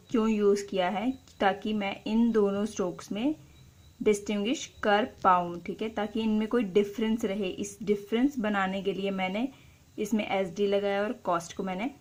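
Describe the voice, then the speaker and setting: A woman teaching a shorthand lesson, patiently repeating example words slowly and explaining each step. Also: medium pitch.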